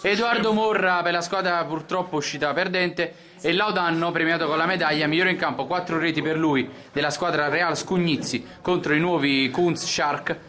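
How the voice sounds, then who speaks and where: A man's voice: fairly high pitch, fairly even intonation, moderate pace, hardly any pauses. A man conducting post-match sports interviews as the interviewer. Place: small tiled locker room. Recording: very noisy shouting locker-room crowd.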